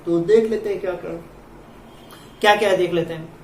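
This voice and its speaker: A man teaching an English grammar lesson, explaining slowly and spelling out words letter by letter. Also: sits high, steady tone, recorded from a distance, a little hiss or hum. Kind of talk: classroom lesson. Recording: echoey room recorded from afar.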